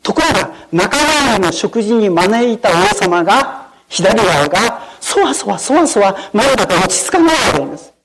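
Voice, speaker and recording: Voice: mid-range voice, big pitch swings, moderate pace, few pauses, noisy background. Formal preacher giving a patient sermon. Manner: formal preaching with frequent "de arimasu" sentence endings; explains patiently, asks the listeners questions. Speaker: pastor. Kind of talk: sermon with storytelling.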